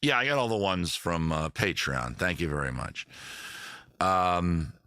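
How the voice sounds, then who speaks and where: Between songs on a live music stream, a male host and musician chats casually with viewers, rambling, joking and poking self-deprecating fun at his own singing. His low voice is expressive, bright and forceful, unhurried in pace, and the dry recording carries his own acoustic guitar in the background.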